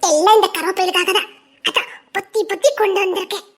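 A woman's voice: very high voice, fairly even intonation, fast. A woman voicing a lovestruck young village woman who chatters and giggles while teasing her sweetheart. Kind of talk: village romance drama acting.

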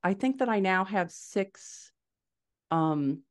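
A middle-aged woman, an indie fiction author, is a guest on a podcast, speaking over a video call from a small furnished room at home. Her medium-pitched voice has lively intonation and a slow pace as she explains things conversationally and stresses her key points.

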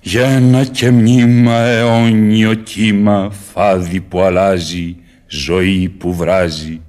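An actor voicing a mighty, scornful spirit of the earth, declaiming verse grandly in a radio play. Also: male voice, lowish voice, little pitch movement, darkish tone, natural voice. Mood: solemn, exalted. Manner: grand, imperious, solemn declamation. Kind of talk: mid-century radio theatre, declaimed verse.

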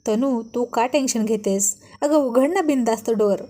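A woman's voice: a little high, steady tone, normal speed, darkish tone, close to an everyday voice. A woman voicing a playful, stubborn young husband who teases his wife in a laid-back tone. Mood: teasing. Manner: laid-back and teasing, mixes in English words.

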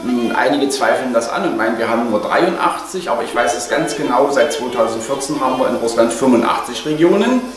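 Brisk and with few pauses, an older vlogger's mid-range voice has lively intonation as he chats casually through home cooking, full of hesitations. He uses a lapel mic in his kitchen, which sounds echoey and distant, with background music.

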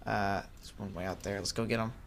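A man giving excitable let's play commentary, chattering at the creatures on screen as he plays. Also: fairly low pitch, a little fast, gravelly, slight background noise. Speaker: gaming channel host.

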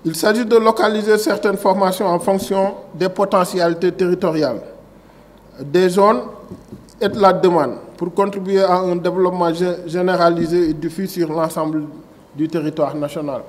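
A Senegalese agency director gives a formal speech at a signing ceremony in an indoor conference room, speaking into a table microphone with a Senegalese French accent. He reads a prepared text, then digresses with many fillers and restarts. His voice is high-pitched, fairly even in intonation, and at normal speed.

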